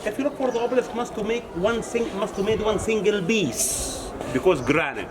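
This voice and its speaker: A man's voice: high voice, expressive, moderate pace. Male tour guide, broken English, echoey noisy temple. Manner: broken English, pointing things out. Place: inside an ancient stone temple. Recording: echoey with background noise.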